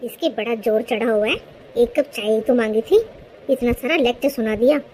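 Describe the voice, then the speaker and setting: A woman's voice: on the high side, moderate pace, a little mellow, slight background noise, lightly acted. A woman voicing a scheming young daughter-in-law who sweet-talks and complains in a cartoon. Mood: muttering. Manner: whiny, sugary, tattling. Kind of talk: cartoon voice acting.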